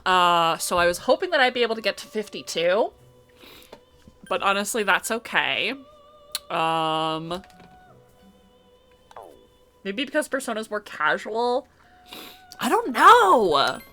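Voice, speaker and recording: Excitable woman streamer, lively pitch. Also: slow pace, pauses often, soft background music. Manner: excitable, bursts into shrieks and shouts. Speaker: video game streamer. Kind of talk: casual let's play commentary.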